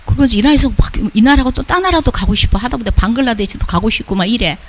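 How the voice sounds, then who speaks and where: An older man, a missionary, giving a casual, lively report and mimicking the people he talks about. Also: very high-pitched, rapid-fire. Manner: lively storytelling, mimics others' talk. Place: church lecture hall.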